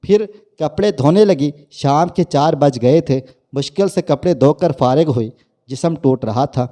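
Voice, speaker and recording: A man narrating a scripted family story in a plain, steady way. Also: fairly high pitch.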